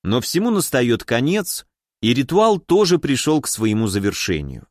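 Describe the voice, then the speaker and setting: A man reading a first-person fantasy audiobook with an expressive manner. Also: mid-range voice, moderate pace, no echo, clean studio sound. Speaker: audiobook narrator.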